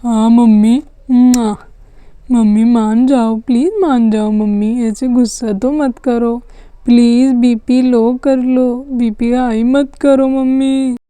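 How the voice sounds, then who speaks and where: A woman's voice: on the high side, steady tone, slow pace, warm tone, clean tone, no echo. Woman doing whiny little kid dolls. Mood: pleading. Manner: whiny, begging, cutesy baby talk. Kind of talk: doll story play-acting.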